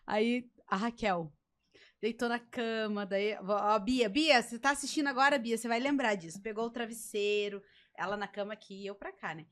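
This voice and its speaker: Brief: Brazilian woman host, slightly high voice, chatty and warm-humored storyteller. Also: a little fast, hardly any pauses. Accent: Brazilian Portuguese. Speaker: podcast host. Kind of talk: casual podcast chat. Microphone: podcast mic.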